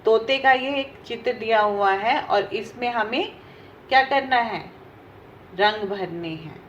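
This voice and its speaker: A woman teacher working through a textbook exercise for young children, patiently asking questions and answering them herself. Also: a little high. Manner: slow and patient, asks and answers her own questions. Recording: dull lo-fi recording with faint hiss.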